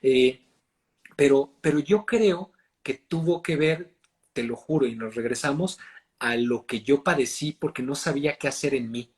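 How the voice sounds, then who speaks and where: A man with a Mexican accent, a voice and acting coach explaining his craft in a casual interview, talking in an animated, lively way. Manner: animated, explanatory, fast shifts in pitch and loudness.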